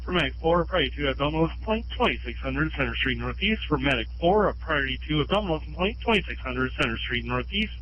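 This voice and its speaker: A man's voice: fairly high pitch, expressive, quick pace, few pauses. A man working as a dispatcher on ambulance radio, giving procedural call details and repeating them over a two-way radio. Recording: noisy, muffled ambulance radio with hum.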